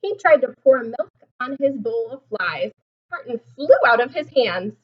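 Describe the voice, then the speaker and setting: In this muffled clip, a woman's slightly high, animated voice moves at normal speed. She's a teacher giving a picture-book read-aloud to young children, explaining vividly and asking them questions along the way.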